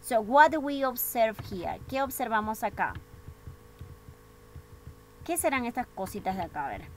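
A woman's voice: a little high, very animated, unhurried, slight background noise. Bilingual woman teaching English. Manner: switches between Spanish and English, asks pupils questions. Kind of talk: online class for young pupils.

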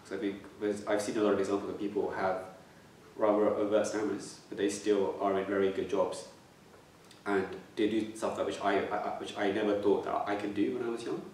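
Reflecting on interview questions, this twenty-something man stammers, repeating words and restarting. His voice is on the low side, level and darkish, a little fast. The plain indoor room echoes, the mic is slightly distant, and there's slight background noise.

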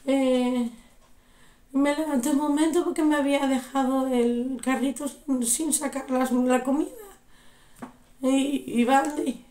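A young woman, telling a story casually in a vlog with animated, repeated exclamations, sounding unwell. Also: sits high, unhurried, reverberant. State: unwell, recovering from illness. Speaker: vlogger.

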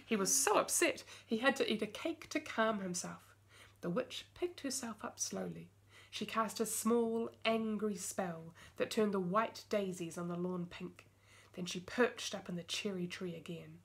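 A woman reads a children's storybook aloud. Her telling is lively and expressive, and she shifts her voice for the characters. Her pitch sits in the middle range. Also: unhurried, creaky. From New Zealand. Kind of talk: reading a picture book aloud.

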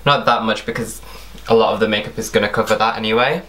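A man's voice: fairly low pitch, fairly even intonation, fast, sharp tone. A young man narrating an instructional makeup tutorial as its presenter. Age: young adult.

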